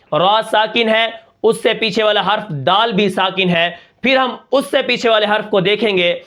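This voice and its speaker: A man's voice: high-pitched, fairly bright tone. A man teaching Quran recitation rules, explaining patiently and asking and answering his own questions as he goes. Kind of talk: tajweed lesson.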